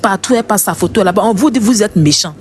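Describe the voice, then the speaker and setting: A man's voice: high voice, lively intonation, very fast, slight background noise. A man with an Ivorian accent giving heated online commentary, passionate and emphatic, repeating his points.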